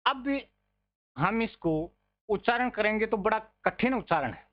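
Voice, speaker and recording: A man's voice: high voice, animated, measured pace, lo-fi sound. A man teaching an online grammar lesson, patiently repeating words to drill their pronunciation and calling his listeners friends.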